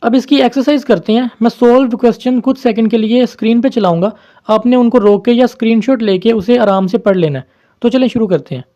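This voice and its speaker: High-voiced man teaching a poem. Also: brisk, warm tone, muffled recording. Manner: mixes English terms into explanations, addresses viewers as friends. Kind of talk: explaining a poem to viewers.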